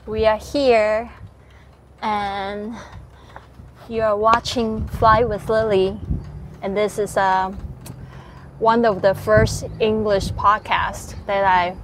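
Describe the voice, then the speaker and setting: A woman's voice: mid-range voice, flat delivery, slow, long pauses, a little hiss or hum. A woman podcast host, not an English speaker, interviewing a guest at an art studio with friendly, hesitant restarts.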